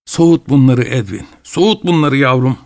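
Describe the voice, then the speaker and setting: A man's voice: medium pitch, lively intonation, darkish tone, no echo, clean studio sound, lightly acted. A man doing a shaky-voiced rambling old grandfather. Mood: pleading. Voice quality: trembling voice. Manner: slow, rambling and plaintive. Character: trembling old grandfather, talkative and grumbling.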